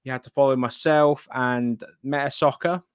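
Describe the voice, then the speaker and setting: A man's voice: medium pitch, fairly even intonation, normal speed, clean tone, dry recording, studio quality. A man chatting casually as host of a live gaming stream, thinking aloud and muttering asides to himself. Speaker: livestream host.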